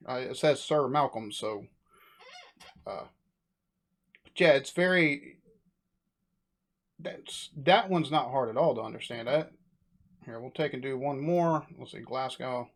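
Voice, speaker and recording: Casual American man reacting on camera. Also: mid-range voice. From United States. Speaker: host reacting to accent recordings.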